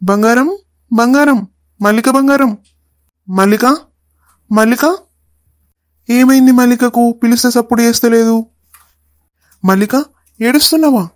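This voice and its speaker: A woman voicing a doting, quick-tempered young husband in a cartoon, coaxing. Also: on the high side, dry recording, studio quality, natural voice. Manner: coaxing, calls his wife endearments.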